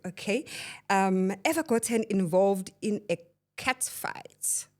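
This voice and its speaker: A woman hosting a podcast, bubbly and quick to laugh, mixing English and Zulu in casual chat. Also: medium pitch, expressive, a little mellow. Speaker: podcast host.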